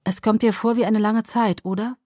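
A woman voicing a teasing, protective teenage boy in a storybook reading, in a calm, wry manner. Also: fairly high pitch, normal speed, dry recording, studio quality, close to an everyday voice. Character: young male teen, teasing, protective.

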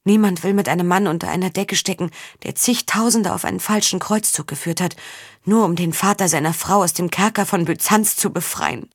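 A resolute young princess weighed down by duty, as a woman reads her in an audiobook. She speaks with urgency in a slightly low, husky voice. The recording is dry. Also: fairly quick, no echo. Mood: urgent.

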